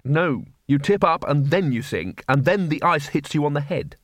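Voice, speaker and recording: Guy putting on a low glum scaredy wizard, sarcastic, dry sound. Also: expressive, moderate pace, fairly bright tone, dry recording. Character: cowardly weary male wizard, sarcastic.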